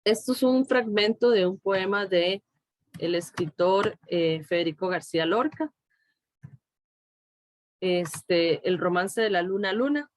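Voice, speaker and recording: A woman's voice: mid-range voice, lively intonation, no echo. A middle-aged woman teacher with a Costa Rican Spanish accent, patiently explaining step by step in a recorded tutorial. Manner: slow, patient, explaining step by step with checks like "¿de acuerdo?".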